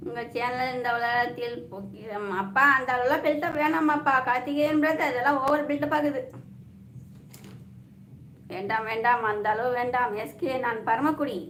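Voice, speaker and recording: High-voiced woman chatting on a live stream. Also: steady tone, normal speed, fairly bright tone. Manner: chatty, greets viewers by name, teasing and familiar. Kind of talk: casual live chat reading viewer comments. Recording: echoey room with faint ambient noise.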